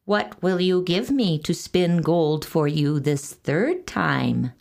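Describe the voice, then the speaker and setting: A woman reading a storybook and voicing a droll, wily little dwarf with a slow, sly drawl that breaks into sing-song chanting. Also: on the low side, expressive, gravelly, a little mellow, exaggerated voice. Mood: bargaining.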